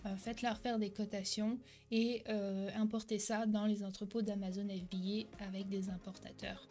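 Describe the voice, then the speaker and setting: With music playing in the background, a young online selling coach teaches directly to camera at normal speed, her mid-range voice level in tone. She's energetic, drops frequent "ok?" check-ins, and has a few hesitations and self-corrections.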